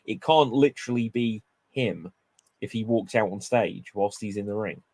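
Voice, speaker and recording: A man's voice: fairly low pitch, moderate pace, no echo. Man spinning playful theories, dry sound. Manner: animated, spins playful theories. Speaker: wrestling show co-host. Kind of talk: casual chat.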